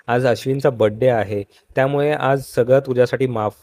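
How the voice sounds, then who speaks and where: A man's voice: mid-range voice, steady tone, moderate pace, darkish tone, no echo, lightly acted. A good-humoured older father cheerfully hurries everyone along, read by a male narrator. His delivery stays plain and close to ordinary talk. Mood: jovial.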